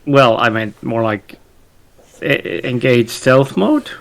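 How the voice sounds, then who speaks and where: A man playing in a tabletop game, making dry, deliberate remarks. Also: medium pitch, animated, vocal fry. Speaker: player. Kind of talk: casual tabletop banter.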